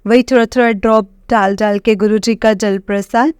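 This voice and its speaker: A woman's voice: medium pitch, steady tone, a little mellow, clear, resonant tone, no room sound. Middle-aged woman, devotee giving testimony; hesitant, stop-start delivery; dry, close recording. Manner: hesitant, halting, addresses listeners as congregation.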